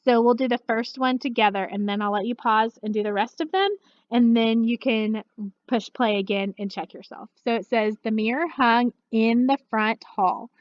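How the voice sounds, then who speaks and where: A woman teacher walking students through a recorded grammar lesson, patient and steady, checking in often with "okay.". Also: fairly high pitch, normal speed, dry recording, muffled recording. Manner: patient, steady, uses many "okay" and "all right" check-ins. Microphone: computer mic.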